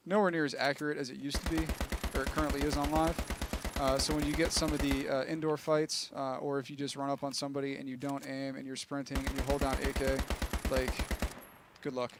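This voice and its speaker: A man with a gravelly, creaky voice walks through game changes in an easygoing livestream chat. He talks loosely, with plenty of ums and restarts. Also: mid-range voice, noisy background. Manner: relaxed, explanatory, many fillers. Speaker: game developer. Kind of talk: casual livestream explanation.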